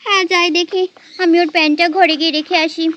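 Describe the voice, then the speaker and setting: A scolding yet doting village mother, as a woman voices her in a doll story, bustling and fast. Her voice sits extremely high. The recording sounds dull and lo-fi. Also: steady tone, fairly bright tone, slight background noise. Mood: fussing.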